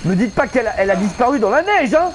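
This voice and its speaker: High-pitched frantic swearing gamer man. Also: very animated, very fast. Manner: panicky, swears a lot, yelling at the game. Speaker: gamer streaming a playthrough. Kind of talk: excitable let's play commentary. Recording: game noise behind the voice.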